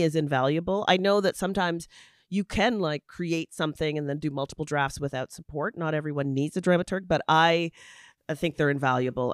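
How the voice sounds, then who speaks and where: A man's voice: on the high side, smooth, no echo, clean studio sound. A man speaking earnestly and emphatically in a casual podcast conversation. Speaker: podcast host. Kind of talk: casual interview chat.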